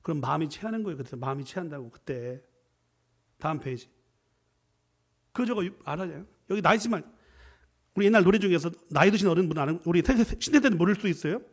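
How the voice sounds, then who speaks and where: A middle-aged man preaching a Friday prayer sermon as a guest professor, joking and swinging from loud exclamations to quiet asides. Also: a little high, animated, quick pace, pauses often, breathy edge.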